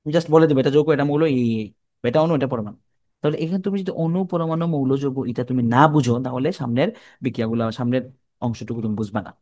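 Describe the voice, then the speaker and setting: A man's voice: mid-range voice, very fast, a little mellow, no echo. A young man with a Bangladeshi Bengali accent teaching a chemistry class, informal and repetitive, who asks students questions and answers them himself. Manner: repeats terms, colloquial speech.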